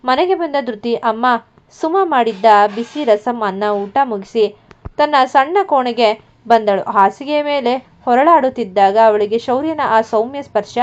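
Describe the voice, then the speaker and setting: A woman narrating a romantic story in a scripted, even storytelling delivery, in a muffled lo-fi recording. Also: fairly high pitch.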